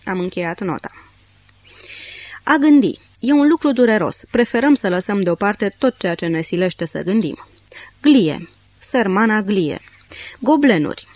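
A woman reads an audiobook in a measured, dry way, taking one dictionary entry at a time. Her voice sits in a middle pitch, and the recording is very dry and close, with no room sound. She lowers her voice to round off each note. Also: expressive, a little mellow, no room sound. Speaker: audiobook narrator. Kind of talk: scripted audiobook reading.

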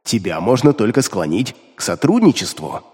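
A man voicing a contemptuous male demon who speaks inside the hero's head, slow, grumbling and scornful. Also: lowish voice, big pitch swings, a little mellow, husky, voice pushed down. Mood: scheming. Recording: long reverb.

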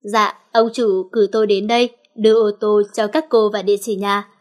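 A woman's voice: mid-range voice, little pitch movement, normal speed, lightly acted. A woman voicing a polite, deferential male bodyguard.

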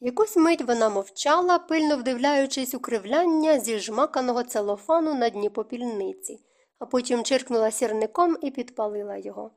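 A woman reads a novel aloud in a measured, even storytelling manner. Her voice sits fairly high, and she sounds like a typical audiobook narrator. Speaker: audiobook reader.

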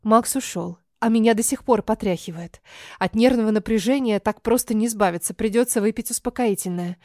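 A woman narrating a first-person novel as an audiobook, expressive and acting out the dialogue. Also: fairly high pitch, a little fast, dry recording, studio quality.

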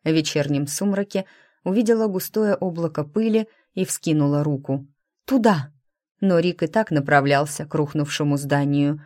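A woman narrating a first-person audiobook in an even, expressive storytelling voice. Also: low voice, normal speed, dry recording, clean studio sound.

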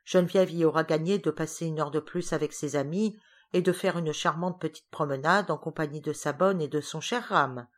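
A woman voicing a calm, courteous gentleman who speaks politely and soothingly. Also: sits low, normal speed, natural voice.

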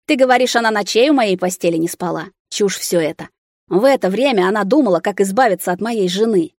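A woman's voice: medium pitch, a little fast, dry recording, studio quality, lightly acted. Woman voicing a bitter young man in a wheelchair. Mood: bitter, shouting. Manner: sarcastic, shouting in anger.

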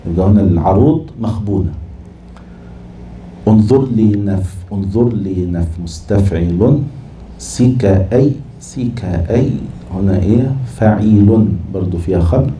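Deep dark-voiced man scanning verse. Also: normal speed. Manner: scans verses aloud syllable by syllable, drawn out. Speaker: sheikh teaching Arabic prosody. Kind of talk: classroom lesson, chanting verse meters. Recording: echoey room, from far off, faint noise.

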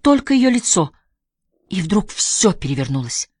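Woman voicing a halting, guilty young man, low and dry, audiobook read. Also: animated, no room sound. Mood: confessing. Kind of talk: audiobook reading.

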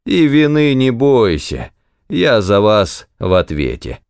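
A man voicing a drunken, bullying male clerk who shouts coarse orders in an audiobook story. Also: lowish voice, wildly swooping pitch, slow, clean tone, dry recording, studio quality, full character voice. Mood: drunken threats. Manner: shouting, coarse, slurred and bragging.

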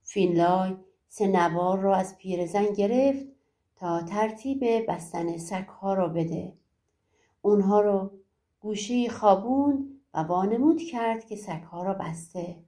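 راوی زن با صدای گرم و ملایم. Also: female voice, mid-range voice, mellow. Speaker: audiobook narrator. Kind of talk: storytelling narration.

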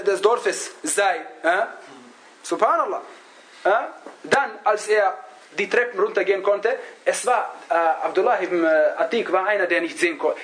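Telling stories to a class in a religious lesson, this religious teacher speaks in a high, slightly bright voice, with some background noise on a low-quality recording. He halts and gropes for words, frequently tacking on a questioning "ja?".

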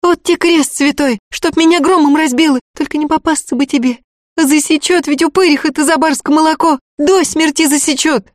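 A woman reading aloud voices a jumpy young peasant girl with shrill, breathless exclamations. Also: normal speed, dry recording, studio quality, natural voice. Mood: pleading.

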